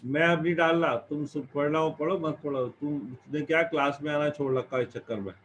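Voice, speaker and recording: A man's voice: fairly high pitch, steady tone, brisk, fairly bright tone. A male teacher giving a classroom lesson, explaining each step and asking and answering his own questions. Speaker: computer science teacher. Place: classroom with students. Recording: dull lo-fi recording with faint background noise.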